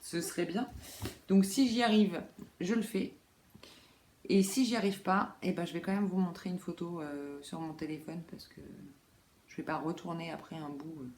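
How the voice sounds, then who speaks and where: A woman's voice: fairly low pitch, fairly even intonation, normal speed, a little mellow, roomy sound, a little hiss or hum. A woman hosting a knitting podcast, talking casually with many fillers and asides, in a room at home by a window. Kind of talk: casual chat.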